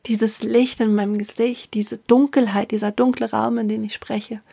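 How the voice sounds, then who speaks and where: A woman's voice: fairly high pitch, flat delivery, gravelly, mellow, slightly rough, dry recording. Emotional woman telling a personal story. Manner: emotional, often drops to a whisper for emphasis; halting, with many fillers and restarts.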